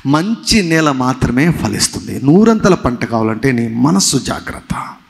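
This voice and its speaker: A male pastor preaching an emphatic sermon, swinging from soft passages to loud ones and mixing in English phrases. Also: mid-range voice, sing-song, normal speed, gravelly. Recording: long hall reverb.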